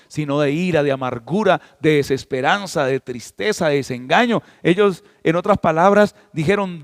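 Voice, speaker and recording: A man's voice: on the high side, dry recording, clean studio sound, big-room sound. Emphatic male pastor preaching. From Colombia. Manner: preaching with emphatic rises and exclamations. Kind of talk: sermon.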